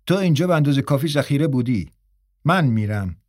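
A man's voice: mid-range voice, expressive, darkish tone, no echo, clean studio sound, natural voice. A male narrator voicing a young actor who apologizes hurriedly yet keeps a proud, defiant edge. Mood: apologetic.

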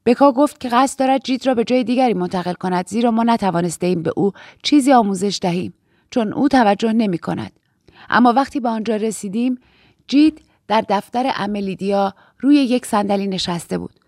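A woman narrating a first-person audiobook in a steady, even reading voice. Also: mid-range voice, dry recording, clean studio sound.

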